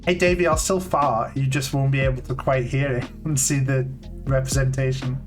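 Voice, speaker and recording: A man in his late thirties streaming live from a home setup. He talks casually and candidly, restarting sentences often and filling pauses with "like.". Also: mid-range voice, steady tone. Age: 30s. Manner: halting, candid, full of "like" fillers and restarts. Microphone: desk mic on a long cable. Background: faint lo-fi music playing.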